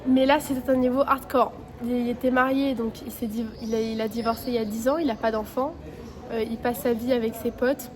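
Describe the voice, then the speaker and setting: High-voiced young woman vlogging. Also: steady tone, a little fast. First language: French. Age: 20s. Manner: blunt, slangy, chatty. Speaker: student vlogger. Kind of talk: casual vlog chat.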